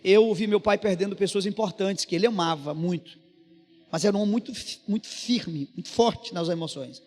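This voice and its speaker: A man's voice: high-pitched, moderate pace, darkish tone. A Brazilian man preaching a sermon, telling a personal story in an earnest, conversational way. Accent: Brazilian Portuguese. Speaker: pastor. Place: church. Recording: reverberant church hall with music behind.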